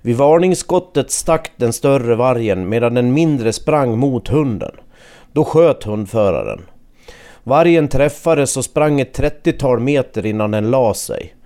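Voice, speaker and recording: A man reporting the news in a measured, scripted narration. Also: mid-range voice, expressive, mellow.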